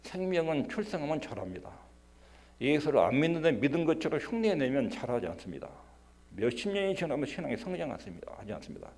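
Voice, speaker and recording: A male pastor giving a Sunday sermon in earnest. He acts out prayers in a quieter voice and leans hard on key words. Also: a little high, big pitch swings, fairly quick. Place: church sanctuary.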